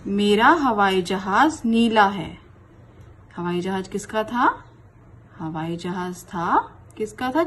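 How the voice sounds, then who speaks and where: Slow, patient woman teaching small children. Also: mid-range voice, a bit bright, slight background noise. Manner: slow, patient, repeats words for young children. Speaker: primary school teacher. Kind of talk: online class lesson.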